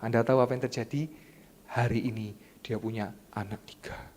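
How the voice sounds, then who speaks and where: A young man with an East Javanese accent preaching a sermon as pastor, animated and joking, jumping to loud high exclamations. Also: brisk, slight background noise. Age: young adult. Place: church hall. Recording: long church-hall reverb.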